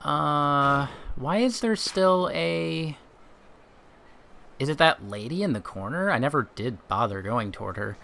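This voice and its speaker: A man's voice: fairly high pitch, expressive, measured pace, vocal fry, bright, forceful tone. A man doing casual commentary as he plays a video game, sometimes reading the text aloud.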